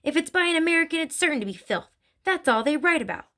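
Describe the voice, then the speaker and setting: A woman's voice: sits high, animated, fast talker, sharp tone, pitched above the performer's own voice. A woman voicing a bullying middle-aged father who barks his words with contempt. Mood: barking. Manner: barking, contemptuous.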